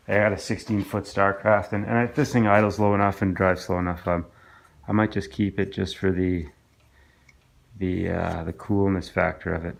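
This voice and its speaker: Gravelly-voiced man rambling in a workshop. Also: low-pitched. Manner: rambling, hesitant, full of restarts and ums. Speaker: outboard engine restorer. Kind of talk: casual workshop vlog narration. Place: home workshop.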